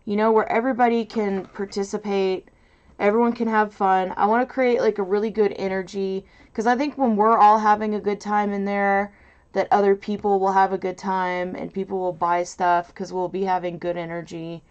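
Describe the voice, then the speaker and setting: A woman hosting a casual crafting livestream in a loud, nasal voice, rambling and hesitant with lots of fillers, from a mic set off to her side. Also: mid-range voice, level tone, normal speed, smooth, lo-fi sound. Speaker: livestream host. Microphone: mic set off to the side, away from camera.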